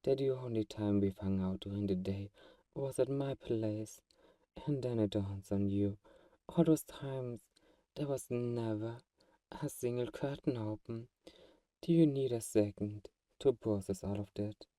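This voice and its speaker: This vampire, played by a man, speaks a little slowly in an intimate audio drama monologue, his slightly low voice very mellow and dark. His tone toward his hunter friend is teasing, possessive and menacing, punctuated by sighs and soft chuckles, in a natural voice. Recorded from a distance, the audio is very dry, with no surrounding room.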